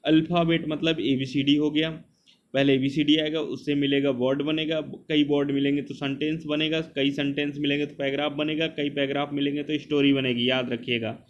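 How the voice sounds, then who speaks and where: A man's voice: a little high, level tone, fairly quick. A man teaching an exam coaching lesson, repeating key terms again and again as he drills them. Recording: slightly dull lo-fi sound, faint noise.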